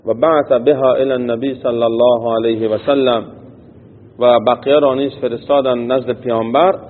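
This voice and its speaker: A man's voice: mid-range voice, flat delivery. A man teaching as a religious teacher. He reads a text phrase by phrase and explains each part in plain everyday words. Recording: tinny phone-like sound with long hall echo and faint noise.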